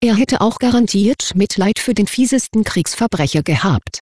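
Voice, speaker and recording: A reader giving a scripted first-person narration of a confession in an even, matter-of-fact way. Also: mid-range voice, moderate pace, dry recording, studio quality.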